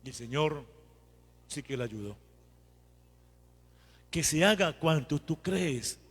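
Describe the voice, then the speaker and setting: A male priest giving a homily in a conversational, animated way. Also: fairly high pitch, slow pace, breathy edge, long reverb tail. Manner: conversational, animated retelling with acted quotes.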